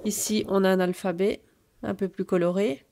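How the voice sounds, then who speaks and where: A woman showing off her scrapbooking purchases in a casual haul video, talking slowly and hesitantly with many fillers. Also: mid-range voice, flat delivery, dark tone, slight background noise.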